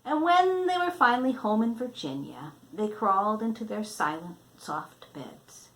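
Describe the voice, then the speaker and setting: An older woman reads a children's storybook aloud in a mid-range, fairly bright voice, animated and expressive at a measured pace. She draws out words for emphasis, and the recording quality is low.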